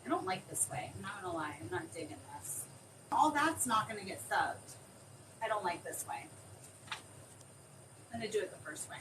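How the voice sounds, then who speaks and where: Chatty woman demoing crafts, lively pitch. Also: normal speed, long pauses. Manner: chatty and excitable, thinks aloud. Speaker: crafter demonstrating sublimation. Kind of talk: live craft demo. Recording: distant mic with clear background noise.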